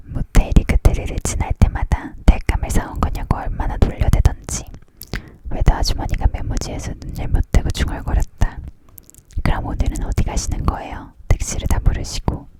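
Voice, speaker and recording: A narrator reads a novel aloud for ASMR, leaning in to whisper. The delivery is hushed and fully whispered, carrying both narration and dialogue in the same soft, breath-only voice. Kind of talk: whispered ASMR audiobook reading.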